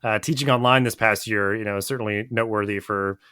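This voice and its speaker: A man hosting a podcast interview in a relaxed, casual way, with lots of filler words. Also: fairly low pitch, fast, clean tone, no room sound, studio quality. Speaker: podcast host.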